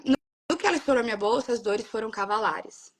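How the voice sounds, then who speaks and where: Young woman, kinda high voice with a gravelly fry, earnest storytelling vibe. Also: expressive, quick pace. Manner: earnest, emotional retelling with many quoted exchanges. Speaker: guest sharing her birth story. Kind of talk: casual conversational storytelling.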